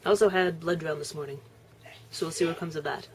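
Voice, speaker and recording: A woman's voice: sits low, fairly even intonation, quick pace, slight background noise. A young woman chatting casually on her video blog, laughing often and chewing as she talks. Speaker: vlogger. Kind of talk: casual vlog chat.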